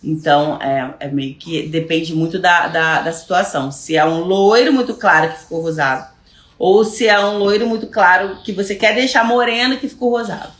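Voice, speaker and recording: In an echoey room, a woman with a Brazilian Portuguese accent runs a live online class on hair lightening, chatting and fielding viewer questions. Her lowish, somewhat bright voice moves at a moderate pace, and she frequently repeats words as she looks for the right one.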